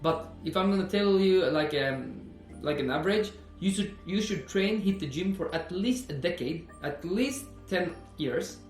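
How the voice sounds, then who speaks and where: Brief: man, 20s, personal trainer vlogging; earnest, repetitive, high voice over faint background music. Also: lively intonation, a little slow, hardly any pauses, echoey room. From Norway. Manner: earnest, repeats himself, frequent "you know". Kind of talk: earnest fitness vlog monologue.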